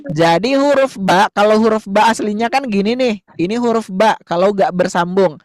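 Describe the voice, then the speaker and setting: A man's voice: high voice, normal speed, no room sound. A man teaching young children to read Arabic letters, patiently repeating words and coaxing answers in call-and-response.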